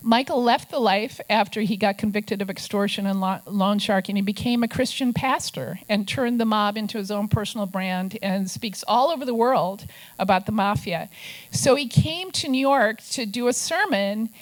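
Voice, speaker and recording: A mid-range female voice moves at a moderate pace on a low-quality recording. It belongs to an older Minnesotan investigative journalist who regales a press club with stories, wry asides, and gruff impersonations of the people she quotes.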